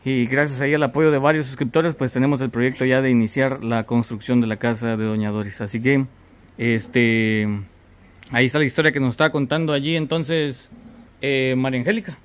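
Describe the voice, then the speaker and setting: A man hosting a charity vlog, asking gentle questions and answering with short encouraging backchannels in a casual on-site interview. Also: mid-range voice, fairly even intonation, fairly quick.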